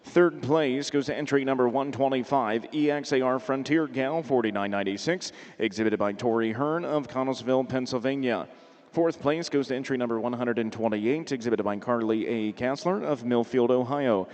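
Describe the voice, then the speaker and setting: Man announcing over an arena PA. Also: mid-range voice. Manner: steady, measured reading of lists. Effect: over a PA system. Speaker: show announcer. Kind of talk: formal results and barn announcements. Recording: long reverb in a large arena.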